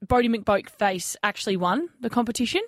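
Woman, broad Australian accent, slightly rough, higher-pitched, playful radio banter, dry studio sound. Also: animated, brisk, no echo. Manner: playful, self-deprecating, colloquial. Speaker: radio co-host.

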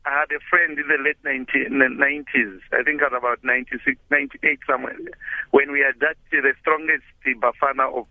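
Gravelly caller on a phone line. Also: male voice, mid-range voice, fairly even intonation, quick pace, no room sound. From Zambia. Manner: hesitant, many fillers, friendly.

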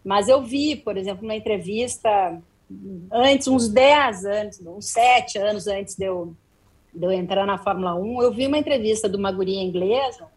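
A woman's voice: medium pitch, normal speed. A middle-aged woman, a guest journalist telling stories in an interview, acting out the dialogue. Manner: animated, acts out quoted dialogue. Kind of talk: interview storytelling. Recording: slightly distant from the mic.

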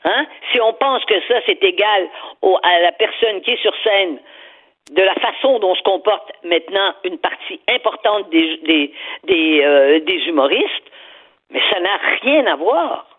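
A woman speaks emphatically, often repeating words as she hunts for the next one. Her voice is a bit husky. It comes through a thin, phone-like line. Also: medium pitch, lively intonation, a little slow. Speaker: guest commentator. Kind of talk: opinionated radio chat.

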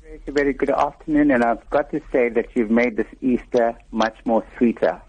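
A man's voice: mid-range voice, steady tone, moderate pace, a little mellow, breathy edge, no echo. A man calling in to a radio show over the phone, courteous and effusive. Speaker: radio caller. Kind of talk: brief call-in praise. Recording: muffled phone line.

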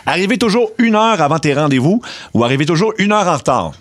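Upbeat Quebec radio host, lively pitch. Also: male voice, fast talker, background noise. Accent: Quebec French. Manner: lively, laughs often, reads promos. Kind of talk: morning radio banter.

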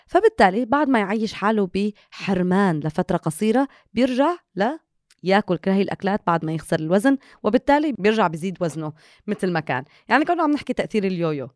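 A woman's voice: mid-range voice, big pitch swings, racing, dry recording, studio quality. A woman with a Levantine Arabic accent, co-hosting a conversational podcast and mixing in English words. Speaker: co-host.

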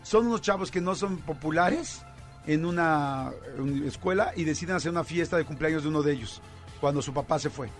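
A man with a Mexican accent hosting a radio show, telling a story in a lively way with lots of fillers. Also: on the high side, fairly quick, soft background music. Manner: animated storytelling with many fillers. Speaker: radio host. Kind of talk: casual radio chat.

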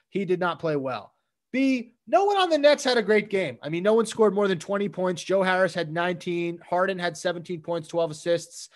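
A man with a slightly high voice co-hosts a casual sports talk show. He gets animated as he runs through game stats and recaps the action, stacking up numbers as he goes. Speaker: sports podcast co-host.

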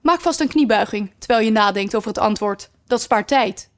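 A woman's voice: on the high side, moderate pace, close to an everyday voice. A woman reading aloud voices a haughty, commanding queen who gives strict orders in a storybook. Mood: imperious.

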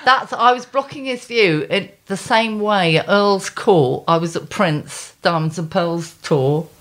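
A woman's voice: mid-range voice, a little slow, a bit bright. A woman chatting casually, with an opinionated, emphatic way of talking. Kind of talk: casual chat with interjections.

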